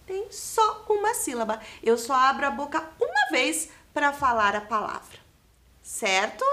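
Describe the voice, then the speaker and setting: A woman's voice: high voice, bright, forceful tone. A woman with a Brazilian Portuguese accent, teaching a lesson to young children. She spells out letters and syllables and keeps asking the class questions. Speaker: primary school teacher. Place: classroom studio for televised lessons.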